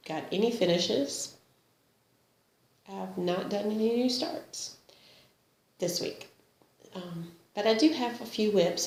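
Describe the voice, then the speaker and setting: This woman's lowish, darkish voice carries a sniffle from a mild cold as she gives a relaxed show-and-tell of her cross-stitch. She laughs often and downplays her own skill, and the room has an echo.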